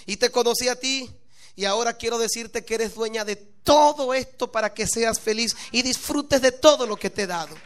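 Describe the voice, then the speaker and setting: A male pastor voicing a calm rich young husband in a sermon story, speaking softly, slowly and reassuringly. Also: very high-pitched. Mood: tender. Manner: soft, slow, reassuring.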